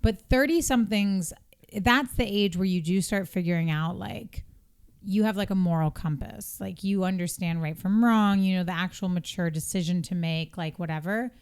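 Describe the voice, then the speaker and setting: A woman's voice: on the low side, normal speed, clean tone. Storytelling woman in her twenties. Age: 20s. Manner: animated storytelling, acts out quotes. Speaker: podcast co-host. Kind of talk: casual chat.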